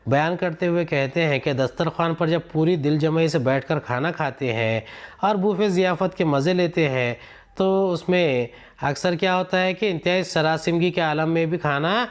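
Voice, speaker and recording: A male teacher works through a textbook chapter, reading a passage and then explaining it in plain terms. He stops to put questions to his students. His voice sits a little high for a man. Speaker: Urdu teacher.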